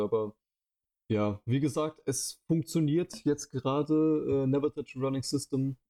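A man's voice: medium pitch, dark tone. A man in his twenties co-hosting a casual podcast, rambling with many fillers, speaking into a headset microphone. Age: 20s. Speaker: podcast co-host.

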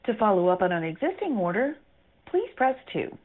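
A woman reading scripted menu prompts in measured, evenly paced announcements on an automated phone menu recording, heard over a phone line. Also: medium pitch, big pitch swings.

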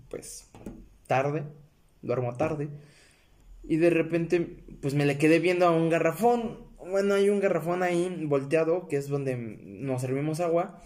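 A young man with a Mexican accent talks straight to his viewers in a casual storytelling vlog. His voice sits a little on the high side, and he rambles along with plenty of fillers and self-corrections, calling the audience his friends. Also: a little mellow. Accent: Mexican Spanish. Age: young adult. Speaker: vlogger.

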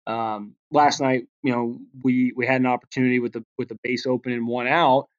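A man, a pitching coach, explaining his approach in a casual interview, talking at length with frequent fillers and restarts. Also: fairly even intonation, fairly quick, highs cut off. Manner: talkative, many restarts and fillers.

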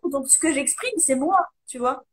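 A woman's voice: high voice, animated, moderate pace. A woman in casual conversation, explaining ideas animatedly with many fillers. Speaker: guest, coach. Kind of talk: casual conversation, live video.

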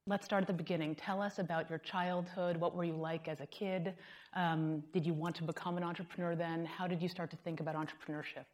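A woman moderates a conversation on stage in front of a live audience. Her voice is on the lower side, and she asks friendly, inquisitive questions that guide her guest forward. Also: flat delivery, fairly quick. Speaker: interview moderator. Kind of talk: onstage interview hosting.

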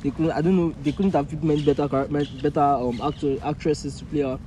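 A man's voice: on the high side, fairly even intonation, fast talker, warm tone, a little hiss or hum, poor audio. A young man chatting casually as a podcast co-host, often stammering and repeating his words. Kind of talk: casual chat.

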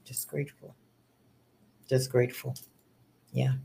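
A woman's voice: a bass voice, level tone, a little slow, gravelly, warm tone, husky, in a whisper. A woman, talking earnestly about her faith in a casual podcast chat, with many restarts. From New York.

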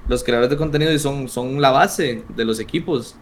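A man's voice: medium pitch, moderate pace, slight background noise. A young man with a Costa Rican accent, a streamer telling stories in a casual, slang-heavy interview chat. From Costa Rica. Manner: slangy, animated storytelling.

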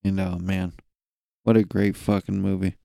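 Young male podcast co-host, mellow voice, profane rambling comic rant, dry room. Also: low voice, level tone, moderate pace, creaky, dry recording. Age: young adult. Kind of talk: casual rant.

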